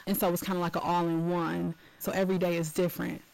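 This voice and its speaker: A young woman, a university staff member, explaining her work in a measured, conversational way as a podcast guest. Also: on the low side, flat delivery, vocal fry, a little mellow, no echo, rough recording. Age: young adult. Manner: measured, explanatory, laughs lightly. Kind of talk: conversational interview. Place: university audio studio.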